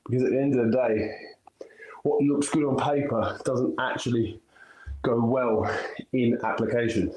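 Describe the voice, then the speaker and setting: A man's voice: medium pitch, fairly even intonation, normal speed, a little mellow, reverberant, poor audio. A man coaching as he trains, casual and often out of breath, swearing and thinking aloud between sets in a gym. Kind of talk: casual workout walkthrough livestream.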